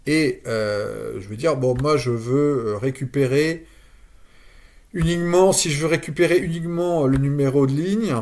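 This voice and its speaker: A man giving a screen-share software tutorial, thinking aloud with frequent fillers and restarts. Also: mid-range voice, moderate pace. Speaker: automation tutorial presenter.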